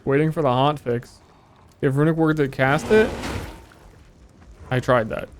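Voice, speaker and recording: A man's voice: mid-range voice, steady tone, measured pace, slight background noise. A man streaming a video game, giving casual, joking commentary with frequent profanity.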